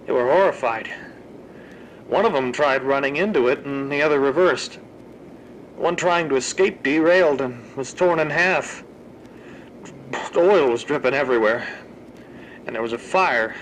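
A man with a mid-range, fairly bright, natural-sounding voice speaks a little slowly, leaving long pauses. He plays a researcher in a horror fan drama, giving scripted audio-log narration that coolly and clinically logs grim monster experiments in terse fashion. The audio is poor, with slight background noise.

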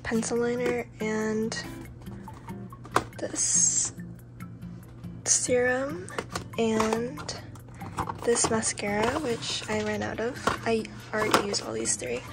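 A young woman around eighteen, chatting casually to her phone camera in a student vlog, soft-spoken and giggly. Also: fairly high pitch, fairly even intonation, slow pace, pauses often. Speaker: student vlogger. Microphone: phone held at arm's length. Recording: music playing loudly over the voice. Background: background music.

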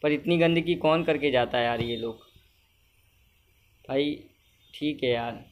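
A young man giving casual commentary on his own gameplay, chatty and talking to himself, at times loud and scolding at the game characters. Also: a little high, unhurried. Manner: chatty, talks to himself, keeps saying brother. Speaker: gamer.

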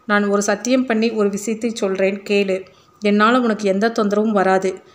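A woman's voice: mid-range voice, steady tone, moderate pace, close to an everyday voice. A woman narrator reading the lines of a troubled father who speaks earnestly and pleadingly.

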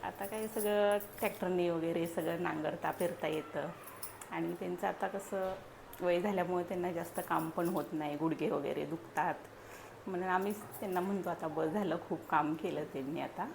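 A young woman from Maharashtra chatting casually at home in a family vlog, a mother who coaxes her baby in high sing-song bursts. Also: fairly even intonation, moderate pace, gravelly, darkish tone, slight background noise. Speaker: vlogger and mother. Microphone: small clip mic.

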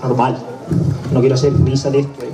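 A man's voice: mid-range voice, monotone, fairly quick, mellow, echoey room, far from the mic, soft background music. A man with a Canarian accent from La Palma, telling a live comic monologue in a chatty way, with many asides. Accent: Canarian Spanish. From La Palma, Canary Islands. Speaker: presenter and stand-up comedian. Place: live stage event.

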